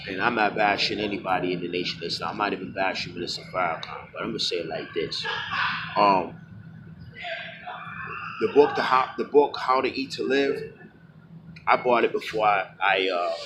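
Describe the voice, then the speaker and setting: Man, low voice, casual vlog monologue, frank and rambling with many fillers; traffic noise behind. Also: normal speed, pauses often. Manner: rambling, full of fillers and self-corrections; frank, plain-spoken. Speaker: vlogger. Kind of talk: casual talking-to-camera monologue. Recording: steady background noise with passing vehicles.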